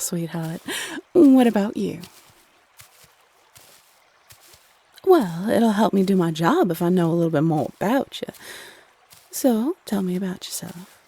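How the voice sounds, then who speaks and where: A woman's voice: on the low side, lively intonation, unhurried, darkish tone, slightly rough, no echo, full character voice. A woman playing a playful, teasing Cupid, a bossy love goddess who chats sassily and uses pet names in an audio roleplay. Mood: warm, chatty. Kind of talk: scripted audio roleplay addressed to the listener.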